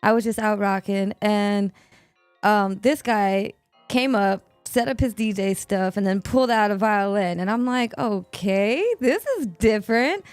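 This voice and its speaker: A woman's voice: mid-range voice, unhurried, clear, resonant tone, dry recording, faint music behind. A woman hosting a talk show, chatty and upbeat, telling stories and drawing out her guest. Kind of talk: casual interview chat.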